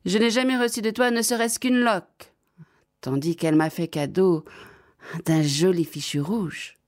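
A woman's voice: lowish voice, unhurried, a little mellow, close to an everyday voice. A woman voicing a young servant woman speaking up indignantly.

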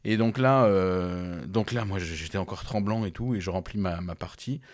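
A young man in casual chat with a friend, telling a story in an animated, slangy way and laughing often. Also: low voice, normal speed.

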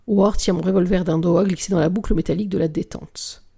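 Novel reader: measured delivery, occasional whispers, mellow gravelly tone. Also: medium pitch, fairly even intonation. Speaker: audiobook reader. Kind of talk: reading a novel aloud.

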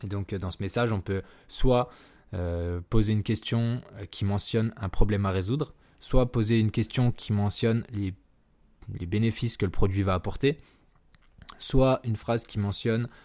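A man's voice: lowish voice, moderate pace, a little mellow. A man hosting a casual solo podcast, rambling with many fillers and self-corrections. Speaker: podcast host. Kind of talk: casual solo marketing talk. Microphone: podcast mic.

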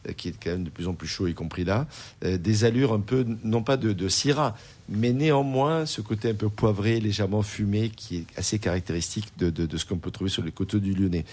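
Husky-voiced man explaining wine. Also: on the low side, brisk, a little mellow. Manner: hesitant, repeats words, explanatory. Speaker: sommelier and restaurant owner. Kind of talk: wine talk on radio.

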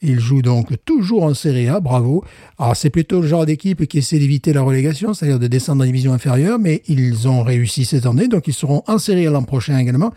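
A man's voice: medium pitch, animated, quick pace, warm tone, dry recording, clean studio sound. A man co-hosting a podcast, chatting playfully and theatrically with many jokes and laughs. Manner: jokey, theatrical, laughs often. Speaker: podcast co-host; teacher of young pupils. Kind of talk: playful casual chat.

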